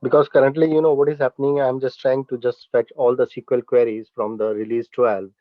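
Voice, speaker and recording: A man's voice: mid-range voice, little pitch movement, brisk, no room sound. Male student on a video call, hesitant phrasing; dull, dry, muffled line. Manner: hesitant, repeats "you know". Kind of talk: question in an online class.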